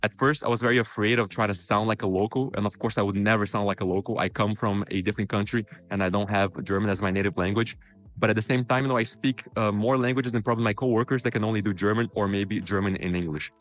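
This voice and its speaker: Over faint music, a Brazilian vlogger whose mother tongue is Portuguese talks through career advice to camera. His voice is fairly low and steady, and he speaks quickly and casually with many "you know" fillers.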